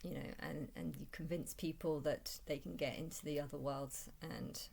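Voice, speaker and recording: Speaking in a low-pitched, creaky and slightly mellow voice, a woman vlogger tells first-person stories in an animated, rambling personal vlog. She halts often, going back to repeat and restart her phrases.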